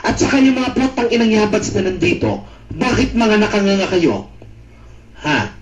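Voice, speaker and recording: High-pitched taunting man in echoey chat. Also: lively intonation, moderate pace. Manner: taunting, cursing, mocking, shouting bursts. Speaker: voice chat room regular. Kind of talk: trash-talk roast in voice chat.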